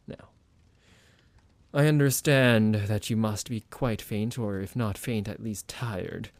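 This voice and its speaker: A man plays a vampire doctor for ASMR, possessive and condescending, his speech formal, measured, menacing and gently commanding. He sits on the low side with vocal fry, and there's no room sound.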